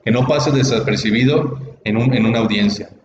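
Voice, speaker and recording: A man's voice: mid-range voice, a little fast. Man lecturing in an echoey room. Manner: explanatory, asks the class for agreement often. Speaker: workshop instructor. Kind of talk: classroom lecture. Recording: echoey room, dull audio, background noise.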